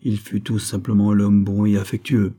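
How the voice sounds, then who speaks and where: Male audiobook narrator, low and husky, measured, expressive. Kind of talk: scripted narration.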